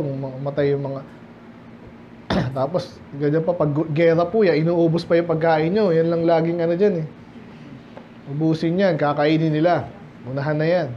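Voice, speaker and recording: A male pastor with a Filipino accent, teaching verse by verse in a midweek Bible study, reading King James verses slowly and explaining them in mixed Tagalog and English. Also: on the high side, highs cut off, slight background noise. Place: church sanctuary, indoors.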